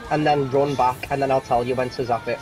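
A young man chatting casually while playing a co-op game, swearing often and calling out quick directions. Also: mid-range voice, level tone, music in the background. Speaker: gamer. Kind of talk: casual gaming chat.

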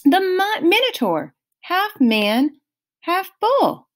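A woman's voice: extremely high pitch, very animated, slow, voice pushed up, heavily acted. A woman voicing a grieving twelve-year-old boy in an audiobook, insistent and questioning. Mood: demanding. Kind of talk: audiobook reading.

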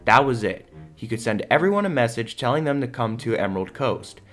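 A man serving as narrator and lead actor reads scripted third-person narration for a fan audio drama, with music under his voice. His mid-range voice is sing-song, brisk, and lightly acted.

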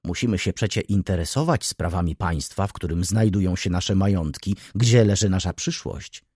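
A man's voice: low voice, moderate pace, a little mellow, husky, no room sound, studio quality. A man voicing a talkative, ceremonious graying older baron who keeps calling his listener "sir". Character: chatty, fussy graying older baron, eager.

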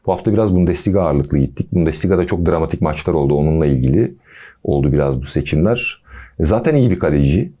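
A man hosting a football podcast, talking casually with a relaxed, chatty manner and jokey asides. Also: extremely low pitch, fast.

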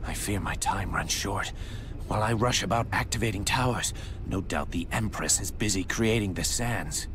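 An actor playing a brooding young warrior prince in a video game, hard-bitten and weary but determined, with terse, formal, theatrical phrasing. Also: male voice, fairly low pitch, moderate pace, background noise, natural voice. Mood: grim, musing. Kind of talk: dramatic video game cutscene acting. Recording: loud music behind the voice. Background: loud game score.

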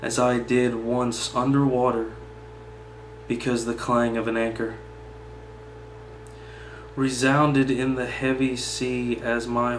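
Seated at a table in a small meeting room, a young poetry reader speaks in a slow, even, mid-range voice, reading a poem before chatting informally about personal matters. A camera mic several feet off captures the echoey room and a faint hum behind him.

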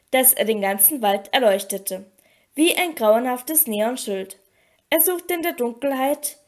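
A woman reading a fantasy novel aloud as an audiobook, with steady, expressive storytelling. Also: sits high. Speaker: audiobook reader. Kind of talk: audiobook narration.

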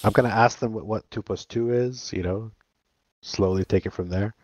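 Deep-voiced blunt, crude man. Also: normal speed, a little mellow, no room sound. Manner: blunt, crude and dismissive, repeats himself. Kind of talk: casual argumentative chat.

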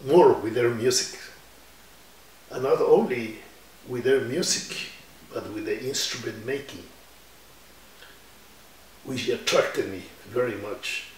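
For an oral history interview, an older Ecuadorian musician in his 70s talks at a slow pace in a medium-pitched voice, reflecting on his stories and moving his hands as he speaks. A distant mic in the guitar-decorated room gives a roomy sound with a little hiss or hum.

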